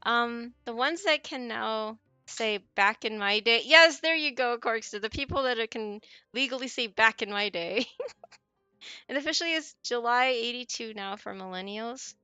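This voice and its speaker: A woman's voice: a little high, normal speed, bright, forceful tone, smooth, no room sound, soft background music. A woman in her forties, chatting casually with viewers on her stream, rambling and often correcting herself mid-sentence. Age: 40s.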